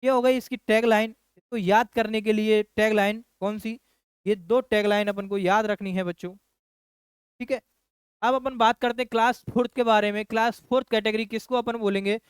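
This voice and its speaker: High, clear-voiced male nursing coach. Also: fairly even intonation, normal speed, no room sound. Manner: repeats key phrases and asks the class rhetorical questions; addresses students as children. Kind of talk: classroom lecture.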